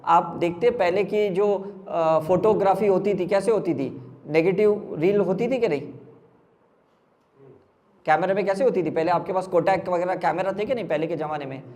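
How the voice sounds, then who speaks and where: A man's voice: high-pitched, normal speed, a little mellow, big-room sound, highs cut off. A man from India, a spiritual healer, giving an emphatic motivational talk and firing rhetorical questions at a live audience.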